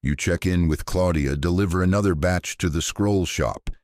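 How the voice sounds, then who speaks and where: Deep-voiced man, soft-spoken sleep narration. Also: no room sound. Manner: soft-spoken, unhurried, gently wry. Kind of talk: calm scripted sleep-story narration.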